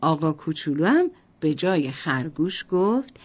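A woman's voice: deep voice, big pitch swings, husky. A woman storyteller narrating a bedtime story to children in a sing-song voice, often addressing them directly.

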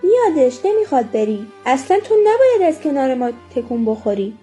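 A woman's voice: high voice, very animated, warm tone, faint music behind. A woman voicing a teasing young male bulldozer driver who jokes and mocks in a storybook reading. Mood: firm. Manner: mocking and playful.

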